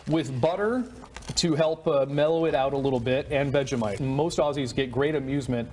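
Medium-pitched man chatting on TV. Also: moderate pace, darkish tone, slight background noise. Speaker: TV show panellist. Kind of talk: casual on-air chat. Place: TV studio sofa.

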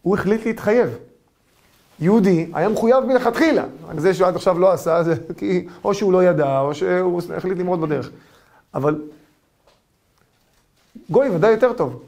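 A man, a rabbi giving a lesson, telling humorous stories in an animated way. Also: high-pitched, long pauses. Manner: animated storytelling, acts out voices.

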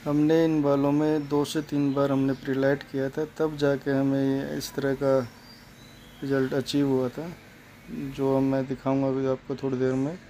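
A man walks through a salon color job one step at a time. His voice is mellow and stays almost perfectly level. He goes over each step again as he talks, and a faint room hum sits behind him. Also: medium pitch, completely flat delivery, normal speed. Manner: plain, explanatory, repeats steps. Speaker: hair colorist. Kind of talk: step-by-step salon tutorial narration.

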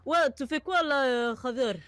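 A woman's voice: high voice, normal speed, a bit bright, smooth, no echo. A woman playing a tattoo artist in a GTA roleplay, friendly and easygoing.

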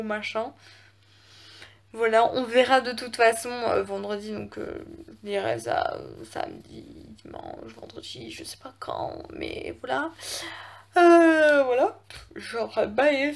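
Teen girl rambling to her phone cam, lots of ums, kinda high and croaky. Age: teens. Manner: rambling, full of fillers and hesitations. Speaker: vlogger. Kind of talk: casual chat. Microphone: phone camera.

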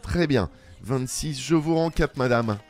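A man's voice: medium pitch, measured pace, darkish tone, faint music behind. A man playing a shop game, chatting as a cashier with customers and an unheard boss. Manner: playful, talks back to unheard boss and customers. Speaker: let's play gamer. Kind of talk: improvised role-play commentary.

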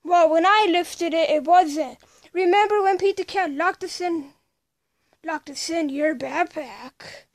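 Woman, improvised toy skit, every part herself, quick character switches, unhurried delivery, very high voice. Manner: switches quickly between characters with playful exclamations. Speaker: toy movie performer voicing every part.

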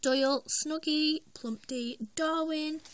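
A woman doing an excited toy unboxing review, who talks eagerly and squeals when she finds something new. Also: sits high, slow, rough recording. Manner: excitable, squeals names of toys. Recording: loud background noise, packaging crinkling.

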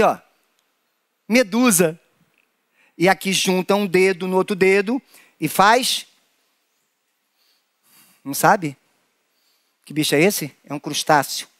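A man with a Brazilian Portuguese accent leading a playful children's hand-play lesson, acting out animals with an animated manner. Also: no echo, studio quality. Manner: animated, playful, acts out creatures in squeaky high voices. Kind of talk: playful children's lesson with acted little voices.

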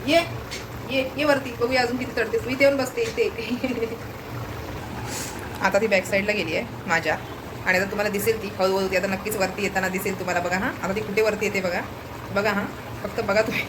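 A woman's voice: mid-range voice, steady tone, a little fast, background noise. A woman chatting through a casual home cooking vlog, recorded on a handheld phone in her kitchen and often urging viewers to look. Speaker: vlogger.

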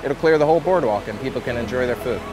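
A middle-aged man working as a falconer, talking casually in an interview outdoors on a seaside boardwalk, relaxed and conversational. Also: mid-range voice, fast talker, over music. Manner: relaxed, conversational with frequent "you know".

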